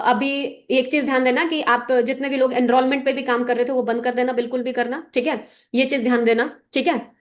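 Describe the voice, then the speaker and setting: Brief: a woman with a high voice leads a team meeting, firm and instructive, often checking everyone is following. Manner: direct and instructive, often checking listeners understand. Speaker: team leader addressing a business meeting. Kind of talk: motivational talk to a sales team.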